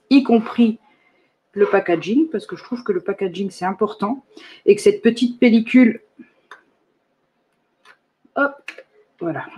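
A woman's voice: mid-range voice, warm tone. Chatty woman from France hosting a casual live demo, laughs often, corrects herself. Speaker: host of a live product demo. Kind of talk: casual live stream chat.

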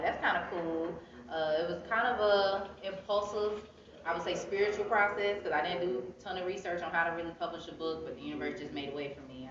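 Seated against the wall of an indoor gallery, a young American author speaks in a relaxed, reflective way during an interview. Her voice sits low and is a little bright, recorded from a few feet off on a phone camera, so the audio is echoey and dull with crowd noise.

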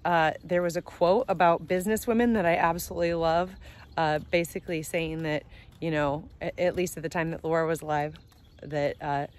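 A woman in her forties hosts a casual travel vlog, filming herself on a phone held at arm's length outdoors on a sunny farm. Her voice sits low with a steady tone, and she chats briskly and upbeat with fillers.

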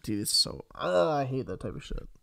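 Young guy streamer trash talking on stream, swears a lot, clean crisp voice. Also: medium pitch, big pitch swings, normal speed, pushed and bright, no echo, studio quality. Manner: profane, slangy and scornful. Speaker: streamer reacting to videos. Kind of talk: casual live-stream reaction commentary.

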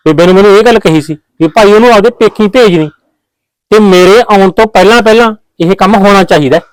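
A man with a Punjabi accent playing a pushy husband who urges and hushes his wife. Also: high-pitched, quick pace, smooth, no room sound, lightly acted, poor audio. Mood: insistent. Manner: insistent, hushing, pleading. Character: pushy young husband, mother's son. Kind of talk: comedy short-film acting.

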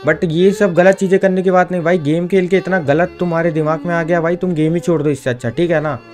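A man's voice: high-pitched, steady tone, fast talker, darkish tone, faint music behind. A young man scolds a friend in a casual gaming vlog chat and keeps saying "bhai" and "yaar". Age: young adult. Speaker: gaming vlogger.

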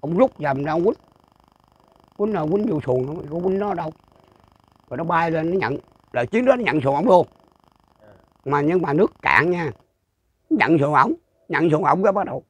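A man's voice: a little high, lively intonation, moderate pace, long pauses, slightly rough, dry recording. Older Southern Vietnamese man telling ghost tales. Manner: rambling, repetitive, with frequent restarts. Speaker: storyteller interviewee. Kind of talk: casual folk storytelling.

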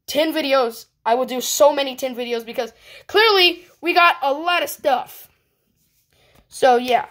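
A woman vlogging casually as she opens trading cards, chatty and excitable, swinging quickly between groans and cheers. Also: high-pitched. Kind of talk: casual unboxing chat.

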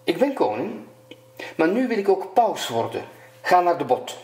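A man's voice: high-pitched, very animated, moderate pace, darkish tone, roomy sound, voice pushed up. A man voicing a greedy, domineering fisherman's wife who gives orders. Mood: demanding. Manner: bossy, demanding.

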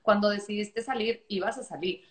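A woman's voice: mid-range voice, moderate pace. A woman with a Mexican accent, hosting a casual video chat and asking encouraging questions. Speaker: host, interviewer. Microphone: video call.

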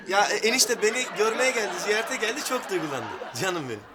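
An actor playing a young brother-in-law, a troublemaker who talks his way out with fast excuses. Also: high voice, sing-song, crowd noise, noisy background. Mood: evasive.

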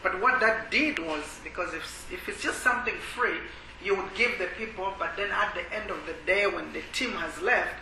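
At a church workshop, a ministry worker from Malawi gives his testimony in a fairly high voice, hesitating often and filling pauses with filler sounds. The room echoes around him, and a steady background noise runs underneath.

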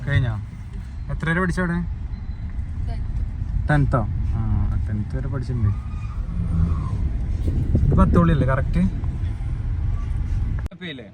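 A man's voice: medium pitch, animated, measured pace, pauses often. A young man with a Malappuram Malayalam accent, vlogging in casual chat from inside a moving car and teasing with lots of questions. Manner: chatty, teasing, keeps prodding with questions. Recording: loud car road noise.

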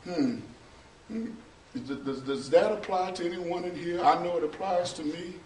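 A middle-aged male pastor preaching a sermon in a small church. He preaches slowly and builds to shouting, half-sung peaks. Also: high voice, slight background noise. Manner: slow, preachy, rises to shouting and half-singing. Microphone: far camera, no mic seen. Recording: roomy church echo from far off.

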